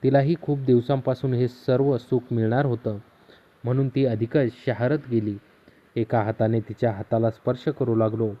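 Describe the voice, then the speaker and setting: A man's voice: medium pitch, steady tone, moderate pace. Man narrating a story, lo-fi. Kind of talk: first-person story narration. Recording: slightly dull lo-fi audio.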